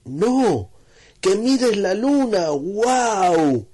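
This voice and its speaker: A man voicing a curious young male foal in a storybook, with shrill shouted exclamations. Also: big pitch swings, very slow. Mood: amazed.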